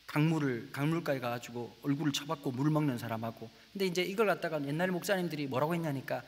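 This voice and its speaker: A middle-aged man preaching a lively comic sermon as a guest pastor in a large church, storytelling with playful dialect bits. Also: a little high, long reverb tail. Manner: animated storytelling, slips into rustic dialect voices for laughs; says he talks very fast.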